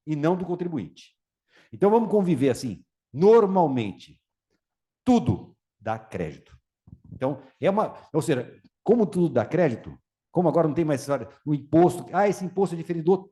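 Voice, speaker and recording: A man with a Brazilian Portuguese accent giving a lively public talk on taxes, acting out little scenes in different voices. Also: on the high side. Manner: animated, acts out voices in anecdotes. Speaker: speaker on tax reform.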